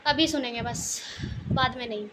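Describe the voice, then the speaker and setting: A woman's voice: on the high side, normal speed, a bit bright, slight background noise. A young woman vlogging at her family home, chatting casually, teasing and laughing often. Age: young adult.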